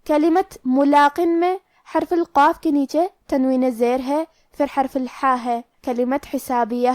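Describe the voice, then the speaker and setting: A woman gives a step-by-step lesson on recitation rules in a high, clear voice. She recorded close to the mic in a dead, dry room. She slows right down to recite each word with care. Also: fairly even intonation, a little mellow, dry recording. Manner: slow, careful recitation of Arabic words between explanations. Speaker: Quran recitation teacher. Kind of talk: tajweed lesson explaining pronunciation rules.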